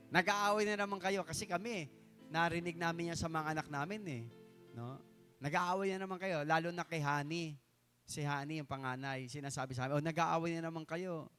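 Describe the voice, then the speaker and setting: A man's voice: fairly high pitch, fairly even intonation, a bit bright, smooth. Emphatic male pastor preaching, faint music. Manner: keeps adding tag questions "no?" to the congregation; stretches key words slowly for emphasis. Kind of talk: live church sermon. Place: church hall.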